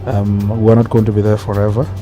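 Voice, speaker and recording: Low, even-toned man in interview. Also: muffled recording. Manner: halting, measured, repeats phrases. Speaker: mission official interviewee. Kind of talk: unscripted interview remarks. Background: prominent background music.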